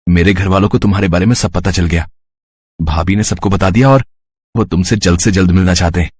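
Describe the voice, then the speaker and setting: Husky-voiced man in cartoon dialogue. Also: low-pitched, steady tone, fairly quick, a little mellow, dry recording, clean studio sound. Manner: playful, stammers when flustered. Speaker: voice actor for several male figures.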